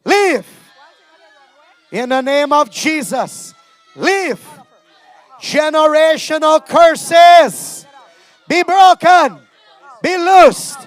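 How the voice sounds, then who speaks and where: A man preacher shouting deliverance prayers, commanding spirits out in slow, repeated chant-like phrases. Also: very high-pitched, lively intonation, no echo, soft background music.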